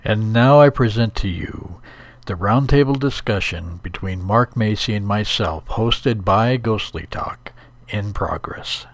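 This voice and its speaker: A man presenting the next segment of a show in a measured announcing manner. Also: on the low side.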